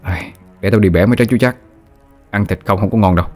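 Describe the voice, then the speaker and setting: A man's voice: on the low side, fast, a little mellow, soft background music, close to an everyday voice. A man voicing a frightened young village man who stammers, in an audio ghost story. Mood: casual. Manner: stammering, panicky.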